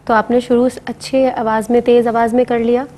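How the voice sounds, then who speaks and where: A woman's voice: fairly high pitch, flat delivery, mellow, slight background noise. A woman judging naat recitation, explaining singing technique step by step in an instructive way. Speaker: naat judge. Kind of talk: giving feedback on a performance. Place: TV studio.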